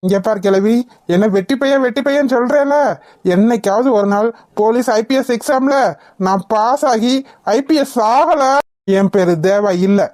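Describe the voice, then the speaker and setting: A woman's voice: fairly high pitch, normal speed, a little mellow, close to an everyday voice. A woman voicing a cheeky, idle young man in a cartoon comedy, mocking his grandmother.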